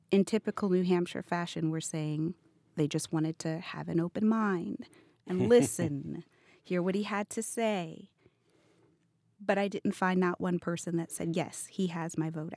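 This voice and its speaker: A young woman reporter giving a quick, fluent account of her field reporting in a casual chat. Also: lowish voice, a little mellow, dry recording. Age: young adult. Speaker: news reporter.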